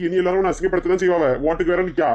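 Woman doing a rapid-fire teasing husband, Kanyakumari accent, dull lo-fi sound. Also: lowish voice, little pitch movement, darkish tone, voice pushed down, lightly acted. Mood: scolding. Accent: Kanyakumari Tamil. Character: bickering middle-aged village husband.

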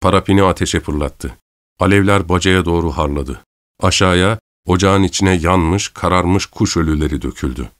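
A man reading an audiobook aloud in measured, dramatic scripted narration. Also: low-pitched, no room sound, clean studio sound. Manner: measured, dramatic storytelling, voicing characters' lines lightly.

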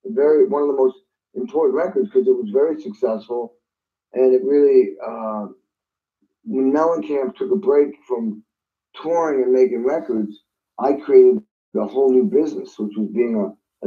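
A man's voice: mid-range voice, moderate pace, narrow, tinny audio. A man, a guest drummer, telling a story in an interview and acting out phone calls in different voices.

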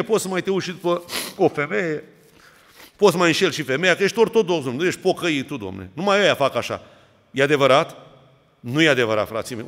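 A man's voice: a little high, fairly bright tone, big-room sound. A man, an Orthodox priest preaching a sermon with emphatic rhetorical questions.

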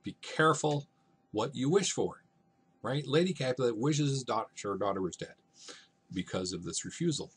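A man's voice: mid-range voice, lively intonation, moderate pace, breathy edge. A man teaching a literature lesson in a casual, conversational way, often checking in with "right?".

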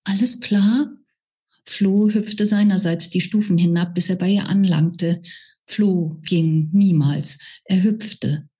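A woman reads her own novel aloud, taking her time over each sentence. Her voice sits fairly low and the delivery stays slow and measured throughout. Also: fairly even intonation, dark tone, slightly rough. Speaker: author reading her novel. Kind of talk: book reading.

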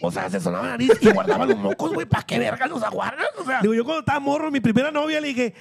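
A man's voice: extremely high pitch, expressive, rapid-fire, creaky, a loud crowd. A man telling vulgar, rowdy stories on a comedy podcast. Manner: vulgar, rowdy storytelling with mimicked voices. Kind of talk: crude comedy podcast chat.

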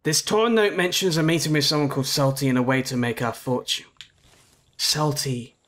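Animated, fairly high-voiced male gamer. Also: fast, a little hiss or hum. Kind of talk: casual group gaming banter.

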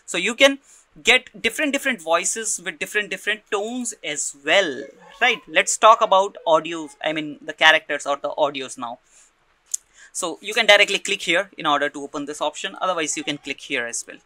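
A man talks through a software tutorial one step at a time, stopping often to check in and repeating words as he goes. His voice sits a little high and cuts through sharply. The recording is dry and close, with no room sound. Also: lively intonation, a little fast, dry recording. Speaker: tutorial presenter.

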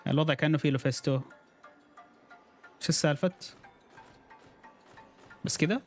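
A man's voice: a little high, normal speed, faint music behind. A man streaming a game, chatting and reacting aloud and greeting viewers by name. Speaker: gaming streamer. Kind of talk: casual gameplay commentary.

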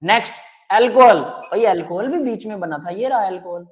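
A man's voice: sits high, lively intonation, brisk. A male chemistry teacher explaining reactions step by step in a live online class, often checking if students have understood. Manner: explains step by step, keeps asking students if it is clear; addresses students as beta and bhai.

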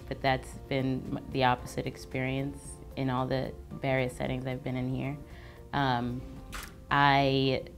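A young woman from New York City, a medical student, speaking casually and with enthusiasm in a studio interview. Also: a bass voice. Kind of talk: interview testimonial. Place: studio with gray backdrop. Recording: background music clearly heard.

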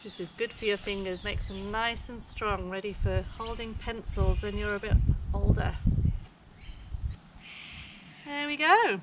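A woman's voice: medium pitch, normal speed. A woman in her thirties presenting a children's lesson outdoors in a broad, singsong kids' presenter manner. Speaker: children's phonics teacher and presenter. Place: outdoors in a home backyard. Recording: faint outdoor background noise.

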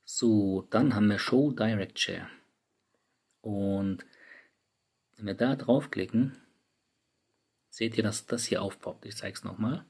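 A man's voice: fairly low pitch, slow pace, vocal fry, pauses often, a little mellow, slightly rough. A man talking viewers through phone settings in a casual, chatty tutorial, speaking straight to his audience. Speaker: tech YouTuber. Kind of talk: screen-recorded app tutorial. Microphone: studio microphone.

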